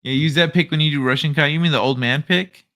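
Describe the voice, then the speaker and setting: Joking around with his audience, the livestream host uses a fairly high, pushed, bright voice. His loose chatter is full of laughter and rapid side remarks.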